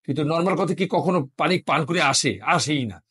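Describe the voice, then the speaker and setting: A man's voice: a little high, lively intonation, normal speed, fairly bright tone, slightly rough. A middle-aged man from Bangladesh teaching a French class, patiently drilling pronunciation and explaining usage. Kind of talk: classroom lesson.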